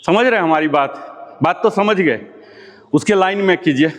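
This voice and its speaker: A man's voice: high voice, moderate pace, big-room sound. A man leading a live brain-exercise class, patiently coaxing and repeating cues. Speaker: exercise instructor.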